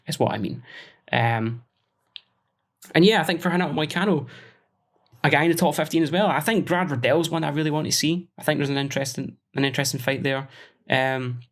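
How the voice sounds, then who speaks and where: A man's voice: mid-range voice, a little fast. A man hosting a solo podcast, thinking aloud with many fillers and self-corrections as he talks through fight matchups. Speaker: podcast host.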